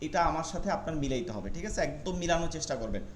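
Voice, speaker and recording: A man's voice: on the high side, expressive, slight background noise. Patient male Quran teacher, echoey room. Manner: patient, repeats sounds slowly for students. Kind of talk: online pronunciation lesson.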